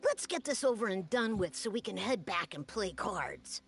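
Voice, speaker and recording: A woman's voice: mid-range voice, sing-song, moderate pace, a little hiss or hum. A woman playing an impatient, grumbling young student in an anime-style game, with frustrated sighs and grudging delivery.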